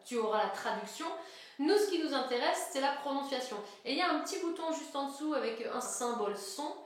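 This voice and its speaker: A woman giving a singing lesson, explaining each step plainly and speaking straight to the viewer. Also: high voice. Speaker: singing teacher. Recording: very echoey room.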